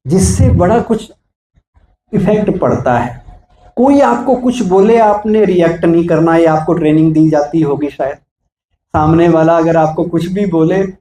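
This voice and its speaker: A man's voice: a little high, dark tone, echoey room, slight background noise, low-quality recording. A man, a spiritual speaker, giving a preachy motivational talk to police staff. He asks rhetorical questions and acts out everyday examples.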